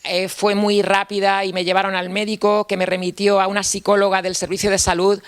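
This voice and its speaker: A man from Castilla-La Mancha, Spain, with a Spanish accent gives a reflective, candid personal testimony at a mental health talk. His voice sits high and is monotone, fairly quick, bright and clean, and he often repeats phrases and ends points with a questioning tag.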